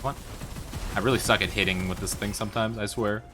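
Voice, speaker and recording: A man with a fairly low voice hosts a casual gaming stream. He banters playfully and conversationally with his viewers, while music plays softly behind him. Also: steady tone, brisk. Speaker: livestreamer. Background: faint music.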